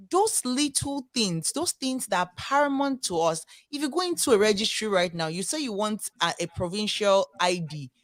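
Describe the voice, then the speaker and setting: A woman's voice: mid-range voice, no echo. Earnest Nigerian woman, dry close sound. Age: young adult. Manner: earnest, animated, emphatic, repeats words. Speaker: discussion host. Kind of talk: casual roundtable discussion.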